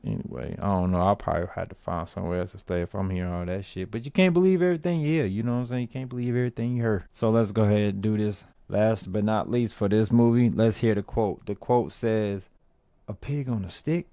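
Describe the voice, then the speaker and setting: A man doing casual, rambling commentary on movies and viral fights, slangy and animated when ranting. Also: on the low side, fast talker, hardly any pauses, clear, resonant tone, no echo, studio quality. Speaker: movie review vlogger.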